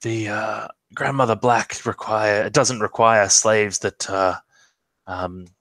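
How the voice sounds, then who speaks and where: Man as a weak, dying old man in a storytelling game, low, faltering delivery. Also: steady tone, fairly bright tone, no echo. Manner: halting, faltering. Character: sick, dying old male slave, weak.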